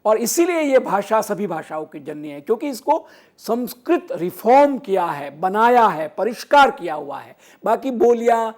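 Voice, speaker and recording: Middle-aged male language teacher, higher-pitched voice, patient lecture delivery that leans hard on key words. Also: big pitch swings, normal speed. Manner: explains patiently, repeats phrases in three languages. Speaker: Sanskrit teacher. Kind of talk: educational lecture.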